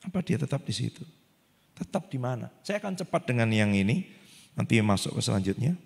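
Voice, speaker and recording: Gravelly pastor in an echoing church hall. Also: male voice, medium pitch, fairly quick. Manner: animated, acts out quotes. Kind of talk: sermon. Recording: long church hall reverb.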